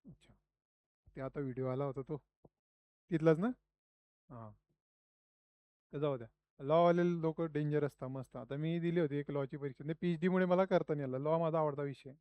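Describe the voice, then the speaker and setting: A man's voice: fairly high pitch, fairly quick, long pauses, no room sound, dull audio. A middle-aged man teaching a class in a classroom, chatty and constantly asking students questions. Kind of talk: classroom lecture.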